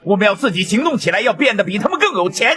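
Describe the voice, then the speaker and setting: A man's voice: high-pitched, sing-song, very fast, pushed and bright, heavily acted. An actor playing a brash, ambitious male gangster boss who is hungry for money, in dramatic drama dialogue. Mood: impatient, driven.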